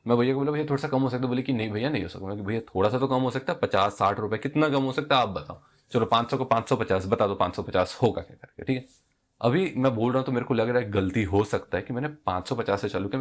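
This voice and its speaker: Young male vlogger, casual storytelling, animated, acts out both sides of dialogue. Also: mid-range voice.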